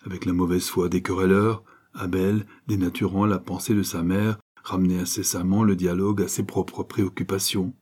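Low, husky male audiobook narrator. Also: little pitch movement, moderate pace, few pauses, a little mellow. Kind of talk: scripted narration of a novel.

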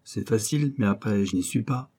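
A man reading an audiobook and voicing a brash, greedy young street rascal who talks in a cocky, slangy, excitable way. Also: lowish voice, fairly quick.

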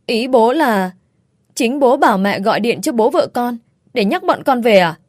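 A woman reading the part of a tired but protective young husband who speaks in a low, measured way. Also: expressive, dry recording, clean studio sound. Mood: tense.

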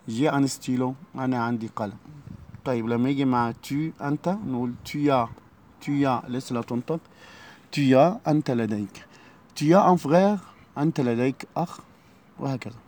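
A man with an Egyptian Arabic accent teaching French to young pupils, saying each word slowly and repeating it. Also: mid-range voice, a little mellow, a little hiss or hum. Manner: slow, repeated drilling of words. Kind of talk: classroom lesson.

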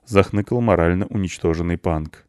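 A man narrating an audiobook in the first person with an ironic, even storytelling manner. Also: deep voice, normal speed, dry recording, clean studio sound.

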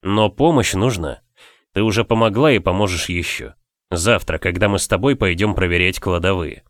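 A man reading an audiobook, playing a calm, tender lord husband in a soft, low voice. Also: normal speed, no echo, studio quality.

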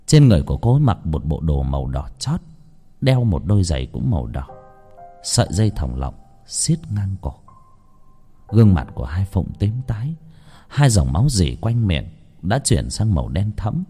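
Dark-voiced man telling a ghost story. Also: low-pitched, moderate pace, slightly rough. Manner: dramatic, expressive storytelling. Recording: faint background music.

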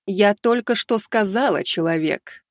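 A man's voice: high voice, dry recording, studio quality, pitched above the performer's own voice. Man voicing a stern towering divine judge. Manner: slow, measured, commanding pronouncements.

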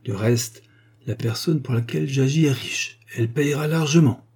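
A man voicing a shrewd lawyer on a secret errand, measured and businesslike. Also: medium pitch, darkish tone, husky. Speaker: character in an audiobook.

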